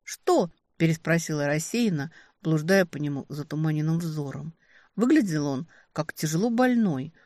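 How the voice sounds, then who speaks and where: A woman narrating a first-person romantic fantasy audiobook, expressive and lively on the heroine's lines. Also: deep voice, normal speed, dry recording, clean studio sound.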